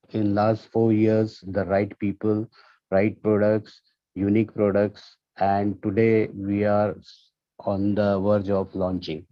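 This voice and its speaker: Low, flat-voiced man on a call. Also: no echo. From India. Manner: hesitant, many uh fillers. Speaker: webinar caller. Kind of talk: call-in remarks. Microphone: video call. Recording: dull lo-fi dry call audio.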